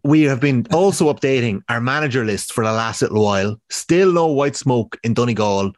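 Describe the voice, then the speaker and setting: A man's voice: mid-range voice, normal speed, no room sound, clean studio sound. A man with an Irish accent hosting a casual sports podcast, giving a round-up.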